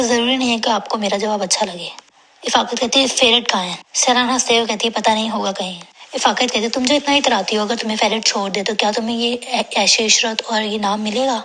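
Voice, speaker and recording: Female recap narrator: bright, breathy edge, brisk plain retelling. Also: fairly high pitch. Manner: brisk storytelling, reads characters' lines in her own plain voice. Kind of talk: retelling a TV drama episode.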